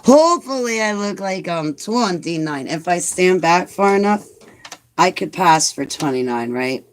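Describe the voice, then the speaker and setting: A woman's voice: lowish voice, expressive, a little slow. A woman in her forties chatting casually to her viewers, rambling and joking about herself with lots of "like"s. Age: 40s. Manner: chatty and self-mocking, rambling with many "like"s. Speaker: vlogger talking to viewers. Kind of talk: casual chat reading live comments.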